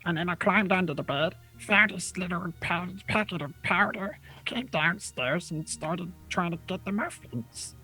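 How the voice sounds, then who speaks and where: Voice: mid-range voice, a little slow, few pauses, sharp tone, soft background music, voice pushed up. A game master voicing a defiant, foul-mouthed female goblin captive who bargains cheekily in a tabletop game. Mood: defensive.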